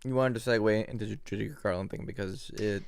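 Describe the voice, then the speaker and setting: A man co-hosting a podcast in casual chat, dropping dry, quick joking remarks. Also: fairly low pitch, steady tone, vocal fry, darkish tone, clean tone. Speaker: podcast co-host.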